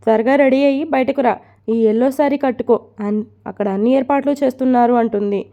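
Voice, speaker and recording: A woman's voice: a little high, steady tone, fast talker, narrow, tinny audio, close to an everyday voice. A woman voicing a strict mother who scolds her daughter and orders her about. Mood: scolding. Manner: scolding, commanding. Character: stern strict mother forcing a marriage.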